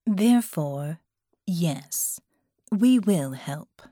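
An imperious ancient sea goddess, voiced by a woman narrator, speaks in slow, formal, deliberate phrases. Her tone is lofty and impatient with groveling. The storybook recording is dry and close. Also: lowish voice, animated, mellow, dry recording, full character voice. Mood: stately. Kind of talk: audiobook character voice.

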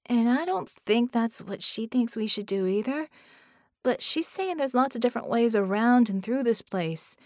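A woman puts on a little girl's voice, pitched well up and eager, the words tumbling out earnest and a bit worried. The reading is close and dry, with no room around it. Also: lively intonation, normal speed, a little mellow, dry recording, lightly acted. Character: bright eager little girl.

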